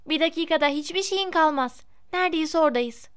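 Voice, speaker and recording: A woman voicing a sharp, clever schoolgirl who speaks firmly in a storybook reading. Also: sits high, a little fast, pitched above the performer's own voice, lightly acted. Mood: reassuring. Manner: firm, indignant.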